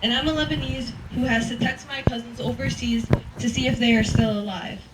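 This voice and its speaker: A woman's voice: a little high, fairly even intonation. A nineteen-year-old American woman giving an earnest, prepared statement at a press conference. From United States. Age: young adult. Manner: earnest, measured, reading prepared remarks. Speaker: first-time voter giving a statement. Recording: echoey room, mic at a distance, faint noise.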